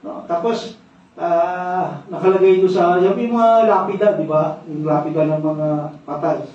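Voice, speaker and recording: A man's voice: sits high, measured pace, darkish tone. A man preaching a sermon as pastor, telling stories, repeating key phrases and ending phrases with a questioning "no?". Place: church sanctuary, indoors. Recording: very echoey hall, distant dull mic.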